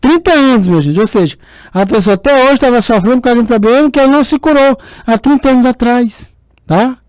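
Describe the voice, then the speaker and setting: A man's voice: very high voice, fast, a little mellow, no echo. A man, a priest giving a chatty radio sermon with advice, often adding little tags and calling listeners dear. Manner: chatty, fond tags like "né" and "queridos". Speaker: priest and radio show host. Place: radio studio.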